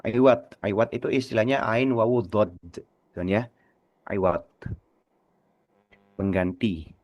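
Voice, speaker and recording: Man, radio tajwid teacher, patient and repetitive, low voice, dull lo-fi dry broadcast sound. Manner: slow, patient, repeats words to demonstrate. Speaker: Quran recitation teacher.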